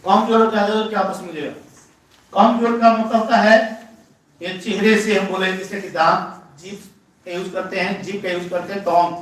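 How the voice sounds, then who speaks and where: A high-pitched male teacher lectures a grammar class, going over each rule again and quizzing his students. His voice lands from a distance in a strongly echoing room. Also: fairly even intonation, moderate pace, a bit bright. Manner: repeats points, poses rhetorical questions to students. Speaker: English teacher. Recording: very echoey room, voice from far off the mic.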